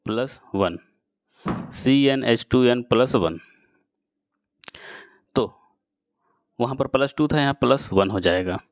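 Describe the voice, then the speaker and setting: Man, chemistry teacher, slow deliberate lecture, repeats key phrases, dry close sound. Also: medium pitch, animated, dry recording. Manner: slow, repetitive teacher's explanation, addresses students directly. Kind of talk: classroom lecture.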